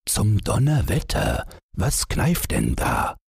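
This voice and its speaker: A man voicing a worried, kindly middle-aged father in a storybook reading, speaking in a gentle, musing way. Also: on the low side, huge pitch swings, slow pace, creaky, husky, dry recording, clean studio sound, voice pushed up, full character voice. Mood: musing, stern.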